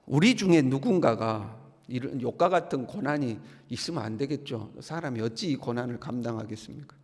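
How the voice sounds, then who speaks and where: A man preaching an early-morning sermon as pastor, who voices a suffering man's pleas with rising feeling and then explains them in a calm teaching tone. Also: medium pitch, a little fast, long reverb tail. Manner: voices Job's laments with rising emotion, then explains calmly. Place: church sanctuary.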